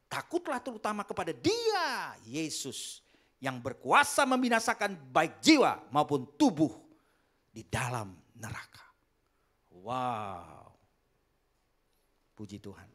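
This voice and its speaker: Animated, lively-pitched pastor preaching. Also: male voice, takes it slowly, long pauses. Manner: animated storytelling with joking asides and acted voices. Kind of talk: sermon. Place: church hall.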